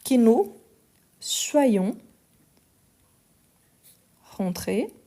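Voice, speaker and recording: Mellow-voiced woman teaching French live. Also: a little high, big pitch swings. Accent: Lyon French. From France and Brazil. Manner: explanatory, repeats forms slowly, gets indignant answering critics. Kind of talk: live online grammar lesson.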